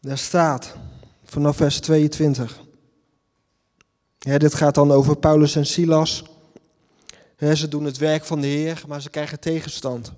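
A man's voice: on the high side, level tone, a little slow, pauses often, warm tone, big-room sound. A man preaching a sermon and reading scripture, earnest, with emphatic repetitions and rhetorical questions.

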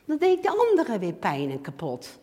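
A woman giving a lively church testimony, acting out little dialogues and swinging between loud and hushed. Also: a little high, fairly quick. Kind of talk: sermon testimony. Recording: long hall reverb.

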